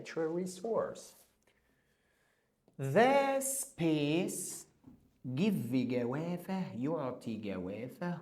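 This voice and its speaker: A man with an Egyptian Arabic accent teaching a children's English review lesson. He repeats each English word slowly and then translates it. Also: medium pitch, a little mellow.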